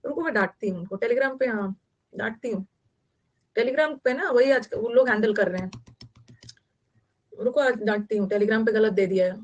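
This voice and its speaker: A woman's voice: fairly high pitch, normal speed, pauses often, dull audio. Indian woman teacher, repetitive explaining. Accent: Indian English. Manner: explains in mixed Hindi and English, repeating words and meanings. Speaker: English teacher. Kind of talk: online class lecture.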